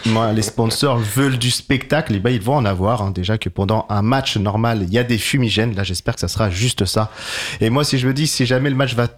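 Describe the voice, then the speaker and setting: Man delivering a jokey comic column. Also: mid-range voice. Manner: jokey, many fillers like "hein". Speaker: comedy columnist and stand-up comedian. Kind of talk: comic column then casual chat.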